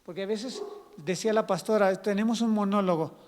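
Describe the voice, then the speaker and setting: A male pastor preaches conversationally, slipping into acted-out scenes. His voice sits high for a man, and it rings out with a long church-hall echo. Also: a little fast, a little mellow, a little hiss or hum. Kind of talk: sermon.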